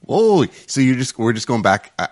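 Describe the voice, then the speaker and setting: A man's voice: medium pitch, sing-song, moderate pace. A man co-hosting a casual chat, playful, trailing off and laughing often. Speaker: co-host.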